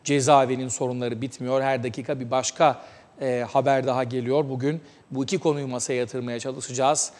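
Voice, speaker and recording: A man hosting a TV talk show, giving news commentary with a measured delivery and many hesitant filler sounds. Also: mid-range voice, little pitch movement, darkish tone, long reverb tail.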